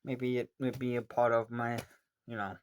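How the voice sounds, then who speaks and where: A young man in his late teens answering viewer questions in a casual, rambling way, with many pauses and ums. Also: mid-range voice, level tone, slight background noise. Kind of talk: casual Q&A monologue.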